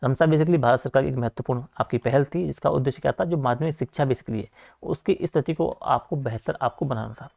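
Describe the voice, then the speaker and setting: Fillers like "theek hai" and "aapka" come up again and again as a young man from Uttarakhand, India, teaches a fast-paced online coaching lecture. His voice is gravelly, mid-range, and a little mellow, and he drops informal asides to his students.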